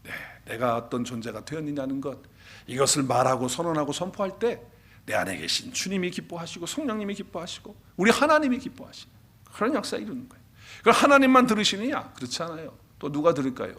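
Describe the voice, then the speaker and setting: A man preaching a Sunday sermon as pastor, asking the congregation questions and moving between loud declarations and soft, near-whispered asides. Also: a little high, very animated, fast, slightly rough. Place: church sanctuary.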